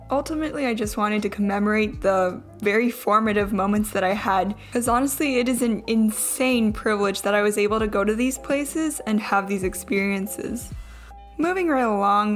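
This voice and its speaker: A young adult woman giving a casual, chatty, self-deprecating vlog voice-over, with some trouble saying her R sounds. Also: medium pitch. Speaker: vlogger. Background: background music.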